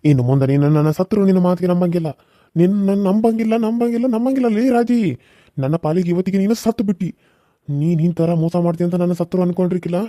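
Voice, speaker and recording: A man's voice: high voice, dark tone, no room sound, clean studio sound, natural voice. A man voicing a young village husband in a cartoon serial, speaking North Karnataka Kannada and repeating himself in anguished outbursts. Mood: furious.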